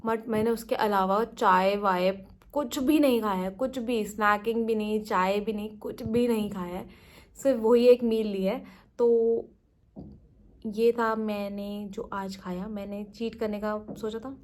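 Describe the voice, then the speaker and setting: A young woman with an Indian accent, chatting quickly and casually as a vlogger. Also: mid-range voice, fairly even intonation. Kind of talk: casual vlog chat in Hindi-English mix.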